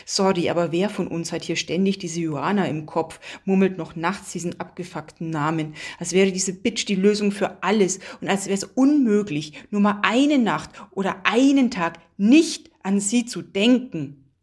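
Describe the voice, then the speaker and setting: A woman's voice: medium pitch, moderate pace, few pauses, natural voice. A woman reading an audiobook, voicing a tipsy, brash young woman who swears and lashes out. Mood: furious. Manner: slurring, crude outbursts.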